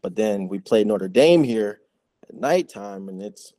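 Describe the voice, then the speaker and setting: Soft-spoken young man, laid-back. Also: lowish voice, measured pace, dry recording. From Chicago area. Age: young adult. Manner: relaxed, laid-back, trails off softly. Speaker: college football player guest. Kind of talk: casual interview chat.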